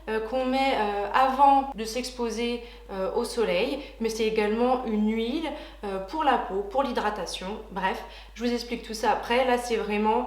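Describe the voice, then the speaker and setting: A woman's voice: on the high side, echoey room. A woman beauty vlogger chatting casually and enthusiastically through a product unboxing, with frequent hesitations.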